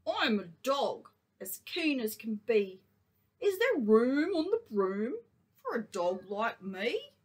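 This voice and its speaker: A keen male storybook dog, bouncy and eager to please, with a loud, lively voice that pushes a little higher than plain talk. He speaks with a soft, breathy edge, as a woman reading aloud puts him on. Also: slow pace, heavily acted.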